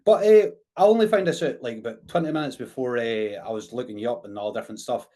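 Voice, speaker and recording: A man with a Scottish Highland accent hosting a casual interview, hesitant, repeating words and often tagging sentences with "eh". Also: quick pace, mellow. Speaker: podcast host.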